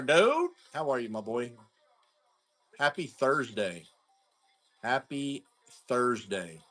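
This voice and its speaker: Chatting casually in slang, a card-breaking livestream host calls out his viewers by name. He has a medium-pitched voice with a bit of brightness.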